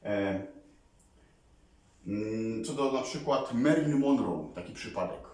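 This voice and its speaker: A man talking casually to his viewers as a vlogger, rambling and animated, often calling on them to listen. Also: on the low side, slow. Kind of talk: casual talk to camera. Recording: very echoey room, mic far away.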